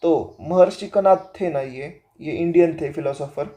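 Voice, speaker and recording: A male teacher with a sore throat giving a lesson in a slow, deliberate way, reading the textbook aloud and then explaining it while mixing Hindi and English. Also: on the high side, warm tone. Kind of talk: classroom lecture.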